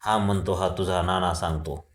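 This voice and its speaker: A man reading the lines of a stern male police inspector who talks loudly and harshly and mocks the man he arrests. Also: low-pitched, fairly even intonation, moderate pace, echoey room, close to an everyday voice. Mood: commanding. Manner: loud, harsh, mocking.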